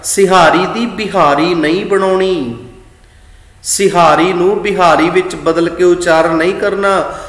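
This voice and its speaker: A man with a Punjabi accent teaching scripture pronunciation, slow and deliberate, drawing out words and chanting lines in a sung tone. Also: high voice, fairly even intonation, a bit bright. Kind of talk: slow religious teaching talk. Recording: echoey room with long reverb.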